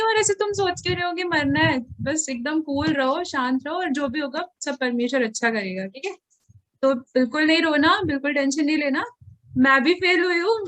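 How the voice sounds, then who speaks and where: A woman playing a calm, faithful teenage schoolgirl in an amateur church skit, soothing and gently preachy. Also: high-pitched.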